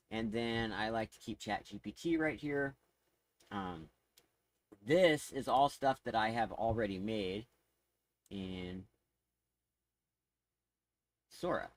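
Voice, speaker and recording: A man's voice: on the low side, low-quality recording. A man streaming live, chatting casually in a rambling, easily sidetracked way with frequent laughs. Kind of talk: casual livestream chat.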